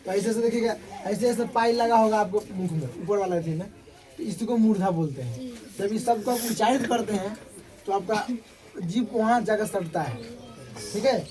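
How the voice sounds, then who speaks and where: A man's voice: high-pitched, normal speed, crowd noise, poor audio. Guy teaching a class, says each sound over and over, keeps asking if u got it. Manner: drills sounds aloud, repeats and checks students. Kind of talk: classroom grammar lesson. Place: classroom with pupils.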